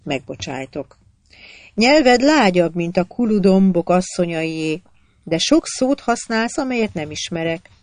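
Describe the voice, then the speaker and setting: A reader voicing a grieving queen who speaks softly and sometimes murmurs, in an audiobook. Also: medium pitch, very animated, dry recording, close to an everyday voice. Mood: gracious. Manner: soft-spoken, murmuring at times. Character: proud grieving queen, gentle yet imperious. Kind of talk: audiobook character voice.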